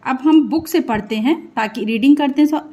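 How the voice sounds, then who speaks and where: A young woman teaching children Hindi vowel signs, sounding each syllable out slowly and patiently. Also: sits high, mellow. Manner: patient, spells sounds out slowly, often says sorry and "means". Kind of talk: online Hindi lesson for children.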